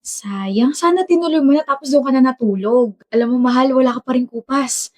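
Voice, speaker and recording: Brief: woman for comedy skit dialogue, playful and teasing, slightly high pitch. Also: fairly quick, a little mellow. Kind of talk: acted romantic comedy skit.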